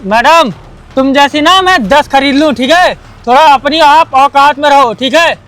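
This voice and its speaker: Brief: man, unusually high voice, firm and indignant, faint music behind. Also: a little slow, fairly bright tone. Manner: polite but firm, indignant. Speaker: scrap dealer hiding his wealth in a short film. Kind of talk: scripted dramatic acting.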